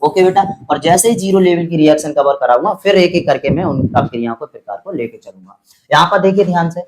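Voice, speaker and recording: A patient male chemistry teacher explaining step by step, with a voice of ordinary pitch for a man. He repeats each point, spells out formulas slowly, and keeps asking his students whether they have understood. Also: slight background noise, low-quality recording. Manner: patient and repetitive, calls students "beta" and checks their understanding. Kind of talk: classroom lesson explanation.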